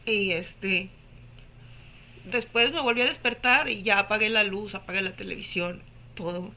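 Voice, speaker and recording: Brief: woman, personal faith testimony, hushed and emotional, crisp bright tone. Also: mid-range voice, moderate pace. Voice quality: emotional, hushed storytelling with drops to a whisper.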